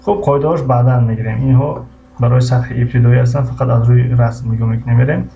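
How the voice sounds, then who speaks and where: A man with a Tajik accent teaching English on a live stream, repeating each word slowly and greeting viewers by name. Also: mid-range voice, fairly even intonation, vocal fry. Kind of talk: live-streamed language lesson. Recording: muffled lo-fi stream audio with faint hum.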